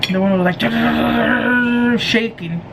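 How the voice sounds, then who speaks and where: A woman telling a story casually to viewers in an animated, giggly way, acting out what people said. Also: fairly high pitch, takes it slowly, gravelly, heavy background noise. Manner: giggly, animated retelling with acted-out quotes. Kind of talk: casual storytelling chat to camera.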